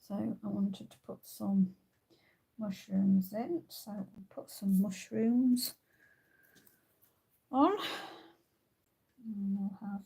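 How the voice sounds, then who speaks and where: A woman's voice: mid-range voice, slow pace, creaky, long pauses, dark tone, breathy edge. A woman hosting a craft tutorial, thinking aloud as she works, with frequent ums and uhs. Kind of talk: casual crafting demonstration.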